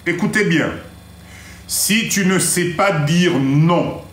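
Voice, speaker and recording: A man with a fairly high voice hosts a motivational live stream. He talks in an animated way, drops into Lingala, and mimics other people. The sound is roomy and echoey. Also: slow. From Congo-Kinshasa. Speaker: live stream host giving motivational advice.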